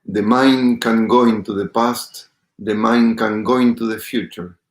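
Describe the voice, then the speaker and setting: A meditation teacher, a man with a low voice and a gravelly edge, talks calmly and without hurry. He greets the people joining and eases into the session. The sound is roomy, with plenty of echo around him. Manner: calm, unhurried, greets viewers by name. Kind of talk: live-streamed guided meditation talk.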